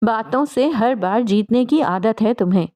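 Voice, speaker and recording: A woman's voice: on the high side, expressive, close to an everyday voice. A woman voicing a hurt young woman who snaps back through tears in an audiobook. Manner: sharp, wounded retorts. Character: bitter, tearful young woman.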